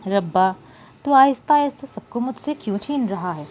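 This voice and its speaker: A woman's voice: on the high side, expressive, normal speed, darkish tone, a little hiss or hum, natural voice. A woman voicing a lonely, grieving older woman who speaks plaintively in an audiobook. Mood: lamenting. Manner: plaintive, tearful.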